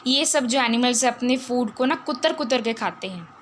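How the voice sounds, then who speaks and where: This science teacher has an Indian accent and a slightly high, expressive, somewhat bright voice, with a little hiss or hum audible. After reading English lines slowly, she explains them in Hindi mixed with English, asking herself questions and repeating words.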